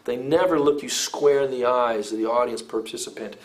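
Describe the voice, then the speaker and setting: In a low-quality recording, a middle-aged man who sings rock offers advice during a casual interview. He talks fairly quickly in a mid-range voice, rambling, often restarting, and leaning heavily on "you know" and "I mean."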